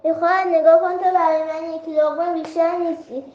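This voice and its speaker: A woman's voice: very high-pitched, level tone. A woman voicing a furious, vain male lion who roars and threatens, in a children's storybook reading. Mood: menacing. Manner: roaring, threatening. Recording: roomy, slightly dull recording.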